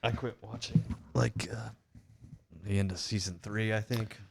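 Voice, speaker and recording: A man's voice: fairly low pitch, fairly even intonation, a little slow, vocal fry, a little hiss or hum. A young man co-hosting a podcast in casual chat, hesitant with lots of fillers and restarts. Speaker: podcast co-host.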